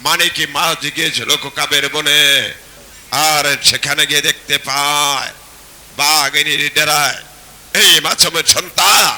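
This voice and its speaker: An actor playing a pious, quick-tempered merchant husband in folk theatre, with a booming, declamatory delivery. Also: male voice, steady tone, sharp tone, exaggerated voice. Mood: solemn, proclaiming. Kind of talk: declaimed Bengali jatra folk theatre acting. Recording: hissy, noisy stage drama recording.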